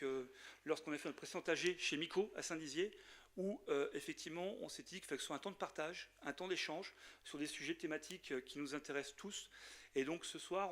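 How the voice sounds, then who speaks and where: A chamber of commerce president with a Lorraine French accent gives an informal welcome speech at a general assembly, hesitating often. His voice sits a little high and sounds fairly bright.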